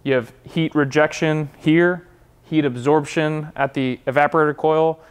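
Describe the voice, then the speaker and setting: A man's voice: a little high, steady tone, a little slow, smooth. A man, walking through how a home cooling and heating system works, gesturing at the equipment in a warehouse workshop. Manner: plain, practical, explains with hand gestures. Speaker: HVAC company representative. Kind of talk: explanatory equipment walkthrough. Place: large warehouse workshop with concrete block walls.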